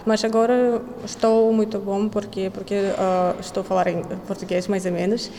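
Speaking with a warm, level tone at medium pitch and a moderate pace, a young woman from Kazakhstan works through interview questions in a language she is still learning. She's a master's student, hesitant, with lots of fillers and restarts, recorded in an echoey hall carrying faint noise.

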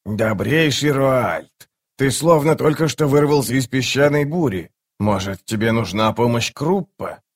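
A man's voice: medium pitch, expressive, a little slow. A man reading an audiobook, voicing a plump, self-important male sorcerer who talks in a florid, pompous way. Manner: pompous, talks about himself in the third person. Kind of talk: audiobook character voice.

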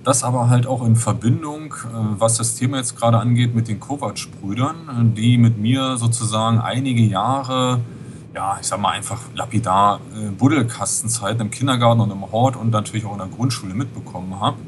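A man's voice: mid-range voice, brisk. A man, a podcast guest talking casually and rambling with many fillers over a Skype call. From West Berlin. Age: 40s. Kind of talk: casual interview. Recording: noisy Skype line.

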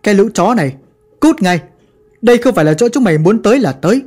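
A woman's voice: medium pitch, expressive, a little mellow, slightly rough. Woman doing an angry cursing gang follower. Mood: furious. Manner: cursing, fast. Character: angry male gang follower shouting curses.

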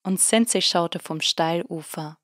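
A woman narrating an audiobook in a steady, measured storytelling manner. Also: lowish voice, dry recording, studio quality.

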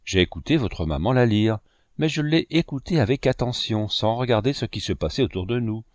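Male audiobook narrator, measured and expressive, animated pitch, very dry close sound. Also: no room sound. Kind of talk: scripted narration.

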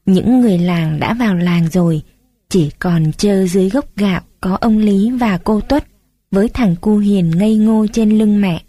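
A woman narrating a story in a calm, measured reading voice. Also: mid-range voice, dry recording.

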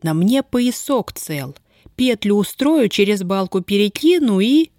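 Женщина читает реплики сердитой, резкой на язык молодой крестьянки, ругающейся простонародной речью. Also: female voice, mid-range voice, sing-song, a little slow, warm tone, no room sound, studio quality, pitched above the performer's own voice. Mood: grim. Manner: gruff, scolding, folk speech. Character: grim, sharp-tongued young peasant woman, bound.

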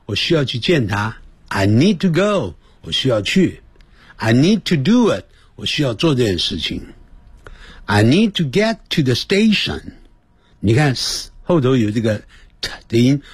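A man teaching English on a radio lesson, explaining phrases and drilling pronunciation by stretching words out slowly. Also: mid-range voice, slightly rough, no room sound. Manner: switches between explanation and example phrases.

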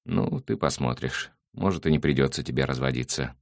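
A man voicing a calm, wry young man in an audiobook, teasing in a low tone. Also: a little fast, gravelly, no echo, clean studio sound, heavily acted.

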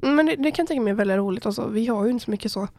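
Young woman, congested cold voice, casual chatty storyteller, slightly high, dry sound. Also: darkish tone, no room sound. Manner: chatty storytelling, acts out quotes. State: stuffy-nosed with a cold. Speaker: podcast co-host. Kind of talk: casual chat.

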